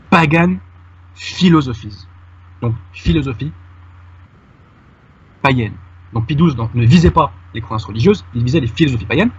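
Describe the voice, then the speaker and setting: Husky-voiced French man arguing a point. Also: medium pitch, muffled recording. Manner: argumentative, addresses the host familiarly. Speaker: guest commentator. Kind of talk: conversational argument on a radio-style show.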